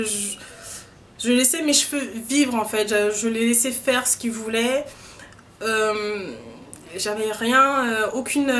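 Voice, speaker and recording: A woman's voice: a little high, fairly bright tone, a little hiss or hum. A young woman talking casually to camera about her hair routine, chatty and full of hesitations and filler sounds. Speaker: beauty vlogger. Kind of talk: casual hair-care vlog.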